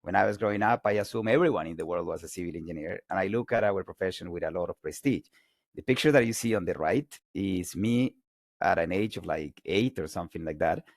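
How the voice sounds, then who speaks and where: Low gravelly-voiced man from Colombia. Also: fast talker, no room sound, clean studio sound. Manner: energetic, self-correcting repeats. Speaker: guest lecturer. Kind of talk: online lecture.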